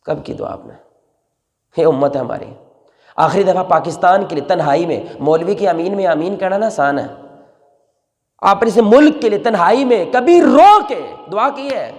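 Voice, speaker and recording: A male preacher, telling a story in an emotional sermon that swings between soft pleading and loud exhortation. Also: high voice, expressive. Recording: long reverb in a large hall.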